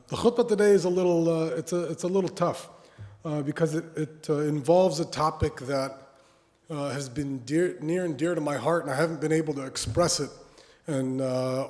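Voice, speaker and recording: A man delivers a sermon with a thick, sore-throated voice, as if getting over swollen tonsils. His delivery is halting and hesitant, and his voice rings with long reverb in a large hall. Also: fairly high pitch, a little mellow. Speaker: Friday sermon speaker. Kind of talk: sermon in English with Arabic recitation. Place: mosque prayer hall.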